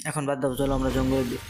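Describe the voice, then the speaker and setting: A man's voice: medium pitch, flat delivery, fairly quick, background noise. Chatty Bangladeshi gamer guy. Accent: Bangladeshi Bengali. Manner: chatty, rambling, mixes English phrases. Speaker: gaming YouTuber. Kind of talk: casual gameplay commentary.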